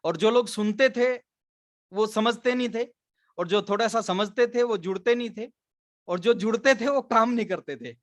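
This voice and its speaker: Man, late thirties, earnest storytelling trainer, high voice, dry close sound. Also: moderate pace, no echo. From Haryana, India. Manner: earnest storytelling, mixes English words into Hindi. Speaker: business trainer. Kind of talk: motivational training talk.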